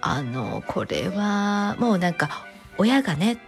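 A woman's voice: slow pace, vocal fry. Chatty Japanese woman over background music. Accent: standard Tokyo-style Japanese. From Kansai, Japan. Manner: chatty, many fillers, lively pitch. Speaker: channel host. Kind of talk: casual solo talk.

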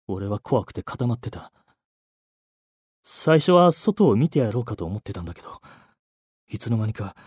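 A man narrating a first-person ghost story in a scripted, hushed telling that sinks to near-whispers at tense moments. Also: medium pitch, slightly rough, dry recording, studio quality. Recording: faint music underneath.

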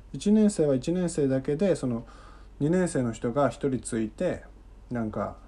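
A man in his thirties with a Kansai Japanese accent hosts his own casual solo podcast, telling a story from his school days. His medium-pitched voice is warm, and he rambles chattily, repeating himself as he recalls details.

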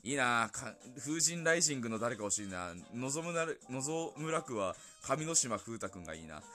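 A young man hosting a casual solo talk show, gushing excitedly about games and music with many fillers. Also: medium pitch, normal speed. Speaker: podcast host. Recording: faint music behind.

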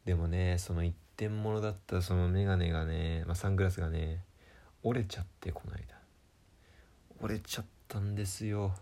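A man's voice: low-pitched, steady tone, a little fast, dark tone. A young man, a comedian, talking through a casual monologue in a chatty, self-deprecating way with lots of fillers.

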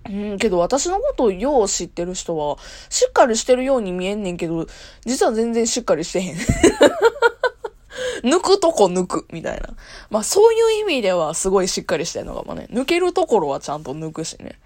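A woman's voice: medium pitch, wildly swooping pitch, a little fast, darkish tone, no room sound, studio quality. A young woman with a Kansai accent, talking frankly and laughing often as she introduces herself in a solo talk show. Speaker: radio talk host.

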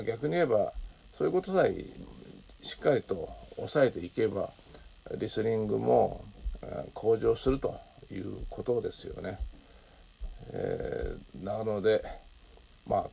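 An older man from Japan talks casually through his own show, his low voice heavily gravelly with fry. The tone is dark and husky, and he leans on fillers and soft tag particles as he goes. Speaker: podcast host. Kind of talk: casual solo talk.

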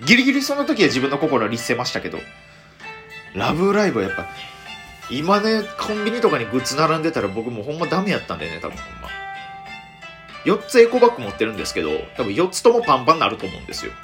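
Animated Kansai man, self-mocking chatter. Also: medium pitch, rapid-fire, music in the background. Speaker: comedian hosting a solo podcast. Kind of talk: casual solo monologue.

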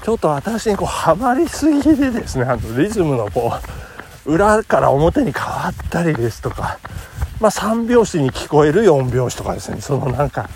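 A man's voice: a little high, very animated, normal speed, darkish tone, slight background noise. A man in his fifties hosting a casual solo talk show outdoors on a morning run. He speaks in a jokingly formal, chatty way. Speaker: podcast host.

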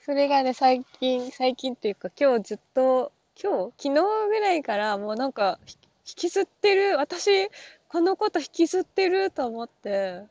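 A woman's voice: high-pitched, big pitch swings, normal speed, a little mellow, no room sound, muffled recording. A woman talking alone in a casual monologue, rambling and full of fillers, often stopping to question herself aloud. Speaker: app talk show host.

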